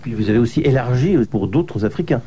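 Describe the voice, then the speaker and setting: A man conducting an interview, asking measured, leading questions. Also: mid-range voice, animated, warm tone, slight background noise.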